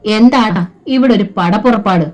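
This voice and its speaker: A woman's voice: medium pitch, moderate pace, darkish tone, soft background music, lightly acted. A woman voicing a harsh, blunt older mother-in-law who scolds her son. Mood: scolding.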